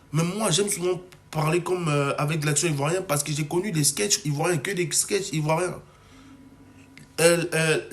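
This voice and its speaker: Agitated man ranting, fairly high voice. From Cameroon. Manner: agitated, ranting, many restarts. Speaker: comedy video maker. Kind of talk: heated monologue to camera.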